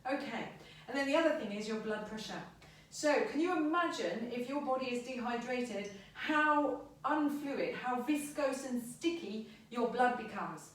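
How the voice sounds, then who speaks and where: A woman's voice: on the high side, expressive, measured pace. A woman, a back pain therapist giving a chatty, emphatic health talk and repeating her advice. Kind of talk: informal health talk to camera. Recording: very echoey room, voice from a distance.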